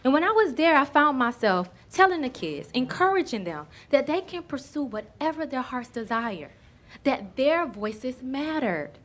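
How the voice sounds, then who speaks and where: A woman from Miami, Florida, with a thick Southern US accent tells a personal story as a guest author, speaking straight to the audience. Her voice sits high and sing-song, fairly bright, at a normal speed.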